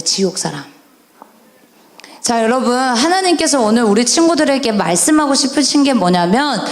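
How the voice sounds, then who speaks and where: A woman evangelist preaching a sermon to children at a church camp service, animated and constantly questioning her listeners. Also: on the high side. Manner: animated, questioning the audience, drawn-out stressed endings. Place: church sanctuary. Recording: echoey church hall.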